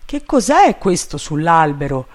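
A man voicing a timid, bumbling male servant up a tree, fretful and loud, in a storybook reading. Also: a little high, sing-song, a little slow.

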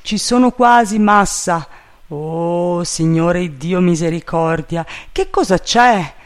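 Bumbling servant, high and fretful, a man reading the part. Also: takes it slowly. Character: timid, bumbling male servant up a tree.

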